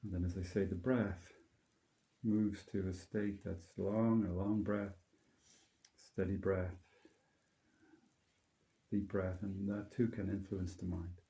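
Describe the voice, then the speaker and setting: Man, meditation teacher for a calm grounding exercise: lowish voice, gentle and unhurried, recorded in an echoing room. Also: vocal fry. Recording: roomy, echoing indoor sound.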